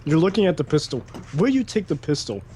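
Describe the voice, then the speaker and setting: A man's voice: a little high, very animated, fast, mellow, a little hiss or hum. A man teasing and joking with friends during game commentary. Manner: teasing, playful. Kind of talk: casual gameplay commentary.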